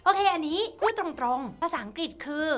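A woman virtual streamer chats casually and reads fan lines aloud in a very high-pitched, very animated, brisk voice. She's giggly, playful and teasing, laughing often.

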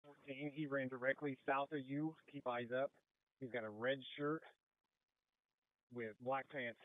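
A man's voice: mid-range voice, fairly even intonation, a little slow. A man, a police officer, calling out over police radio in urgent, clipped phrases. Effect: police radio transmission. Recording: tinny narrow-band scanner radio.

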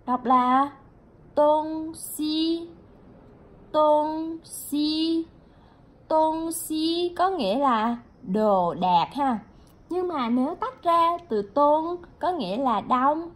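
Slow, breathy woman teaching vocabulary. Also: sits high. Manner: patient, repeats each word slowly, adds "ha" and "nha". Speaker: Chinese language teacher. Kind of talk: vocabulary lesson.

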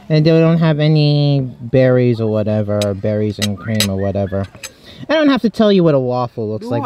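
A man's voice: fairly high pitch, a little mellow. A man vlogging casually to camera outdoors at a beachfront table, chatty and playful, thinking aloud as he reviews food. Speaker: travel vlogger.

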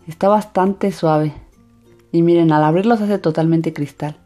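A woman's voice: fairly low pitch, moderate pace, mellow. A woman narrating a hands-on craft video for children in an enthusiastic, sing-song way. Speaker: host of a slime craft channel. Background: background music.

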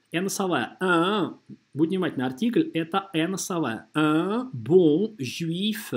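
On the high side but darkish in tone, this man's voice guides a screen-recorded French lesson. He explains like a teacher and models pronunciation carefully, drawing each example phrase out syllable by syllable.

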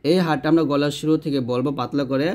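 Man slowly teaching letter pronunciation. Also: a little high, steady tone, a little mellow. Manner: slow, drawn-out demonstration of letter sounds; patient, explanatory teaching tone. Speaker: Quran recitation teacher. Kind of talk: step-by-step pronunciation lesson.

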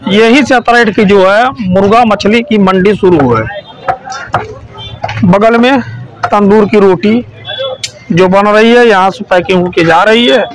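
A man's voice: high-pitched, a little slow, pauses often, low-quality recording. A man, chatting to viewers as he walks through an outdoor village market on a lapel mic. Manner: chatty, addresses viewers directly. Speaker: vlogger touring a market. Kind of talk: casual walk-and-talk vlog. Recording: crowd noise behind.

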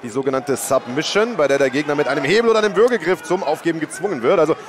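A man's voice: a little high, racing. A man leading live fight commentary in an informative way, stretching key words. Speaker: lead commentator. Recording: loud arena crowd noise behind.

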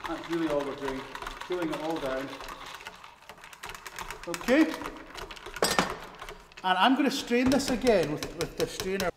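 A man's voice: a little high, measured pace, long pauses. A Scottish man demonstrating how to make a cocktail, talking casually and instructively with jokes. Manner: chatty, instructive, jokey. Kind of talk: live cooking demo chat. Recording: echoey hall, faint noise.

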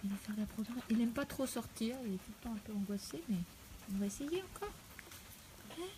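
A woman talking casually on a live home video, coaxing and scolding her dogs in an animated way. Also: a little high, fairly quick, noisy background. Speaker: dog owner streaming live. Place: at home, indoors.

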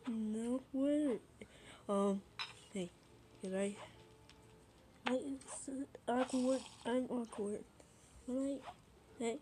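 On a noisy amateur recording with clicks, a woman with a higher voice improvises a fan dub of a cartoon. She speaks very slowly with long pauses, repeating short exclamations over and over.

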